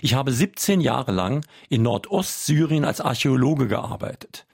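Gravelly male radio host. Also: mid-range voice, expressive, normal speed, a little mellow. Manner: plain, reads listener mail aloud. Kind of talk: radio moderation.

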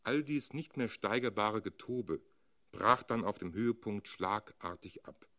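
A man reading a literary story aloud as narrator, with expressive, dramatic delivery. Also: fairly low pitch, measured pace.

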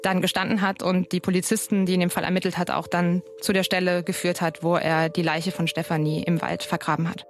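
A woman's voice: lowish voice, level tone, a little fast, hardly any pauses, a little hiss or hum. A woman reporter recounting her research in a thoughtful, conversational way, with some fillers and restarts. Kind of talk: conversational storytelling.

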